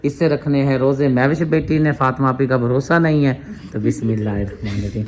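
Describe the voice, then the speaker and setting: A man's voice: medium pitch, a little mellow, a little hiss or hum. A man vlogging a charity handout, speaking casually and earnestly with frequent blessings and fervent appeals. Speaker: charity vlogger handing out food aid. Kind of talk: casual vlog narration with prayers and appeals.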